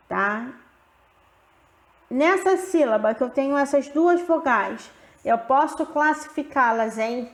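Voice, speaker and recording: A woman teacher giving a grammar lesson, slowly stretching out the example words as she explains. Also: high-pitched, reverberant.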